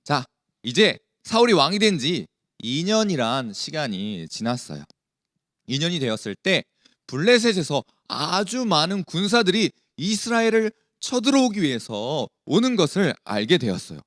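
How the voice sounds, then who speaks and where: A man tells a Bible story to children in a lively, sing-song voice that swoops up and down. He keeps asking the kids questions. The sound is dry and close. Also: a little high, moderate pace, no echo. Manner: animated, asks the children questions. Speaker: children's worship preacher.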